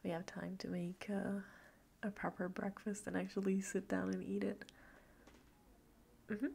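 A young woman playing a cuddly, playful girlfriend who just woke up, in an ASMR role-play with a slow, sleepy, breathy morning voice. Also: medium pitch, flat delivery. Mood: sleepy, affectionate. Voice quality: breathy half-soft voice with creaky fry.

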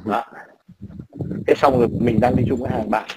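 A man's voice: medium pitch, flat delivery, normal speed, background noise. A man in his sixties from Vietnam with a Northern Vietnamese accent, telling blunt, profane stories in casual chat. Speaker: emigrant father.

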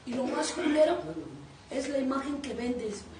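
A woman with a Mexican accent giving a blunt, profane testimony as a recovery group sponsor, often breaking into shouts. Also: high-pitched, moderate pace. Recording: echoey room, distant mic, faint noise.

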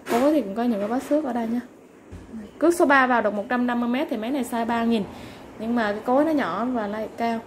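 A woman seller giving a polite, informal product sales pitch, going item by item with repeated stock phrases. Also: fast. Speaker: online seller of used fishing reels. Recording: clearly noisy background ambience.

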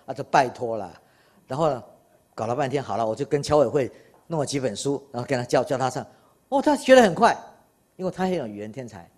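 Lively older man telling a lecture story. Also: mid-range voice. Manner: storytelling with animated quoted dialogue and laughter. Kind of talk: public science lecture. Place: lecture hall.

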